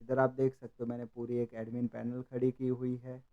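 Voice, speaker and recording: A man's voice: mid-range voice, monotone, a little fast, narrow, tinny audio. A man who runs a coding course, explaining his training while walking through projects on his screen. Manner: persuasive, explaining. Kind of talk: screen-share walkthrough.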